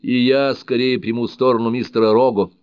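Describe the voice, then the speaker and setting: A man reading an audiobook, voicing a frank, outspoken married woman who speaks in a lively, candid way, on a dull lo-fi recording. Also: medium pitch, a little fast, clean tone, dry recording, pitched above the performer's own voice, natural voice.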